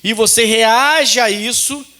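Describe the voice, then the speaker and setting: A man's voice: extremely high pitch, takes it slowly, bright, forceful tone. A Brazilian man preaching a sermon as pastor at a church service, emphatic and repeating his key phrases.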